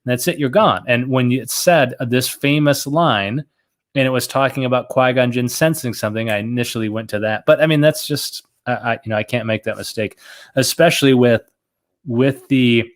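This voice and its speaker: A man in casual livestream chat, trailing into fillers and little self-deprecating jokes. His voice sits at an ordinary middle pitch. It comes through a desk mic on a stream. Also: normal speed. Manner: rambling, self-mocking, full of fillers. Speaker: trivia contestant and co-host.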